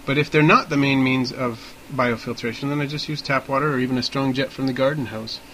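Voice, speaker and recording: A man with a medium-pitched voice hosts a relaxed podcast. He explains things in careful, slightly formal wording, with some noise on the recording. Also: a little fast. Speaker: podcast host. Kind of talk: casual explanatory chat.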